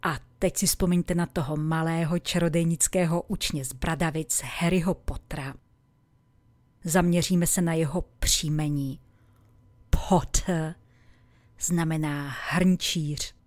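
A woman giving a scripted English lesson as a teacher, carefully and deliberately enunciating example words. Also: deep voice, steady tone, a little mellow, dry recording.

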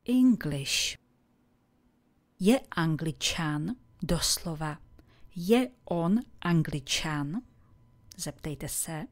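Calm woman teaching English phrases. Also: low voice, no echo. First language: Czech. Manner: slow, carefully spoken example phrases for repeating. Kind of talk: recorded language lesson.

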